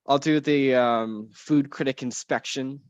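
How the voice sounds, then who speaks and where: A man's voice: mid-range voice, steady tone, unhurried, smooth, no room sound, dull audio. A man casually improvising his character's actions as a player in a tabletop game. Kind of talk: casual improvised role-play chat. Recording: loud music behind.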